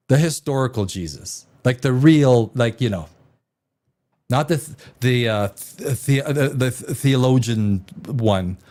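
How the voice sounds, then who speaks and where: This solo livestream host from the Czech Republic drifts between tangents, stumbling over restarts and cursing along the way. His voice is medium-pitched and a little mellow.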